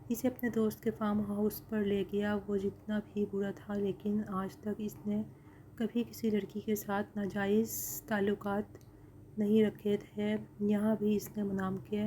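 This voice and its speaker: Woman narrating a story in a mellow voice. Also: medium pitch, completely flat delivery, a little hiss or hum.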